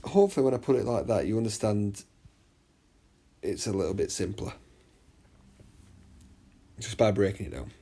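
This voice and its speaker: A man teaching an exam revision lesson in a chatty way, often checking understanding and reading the extract aloud slowly. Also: lowish voice, lively intonation, mellow. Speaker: English literature teacher.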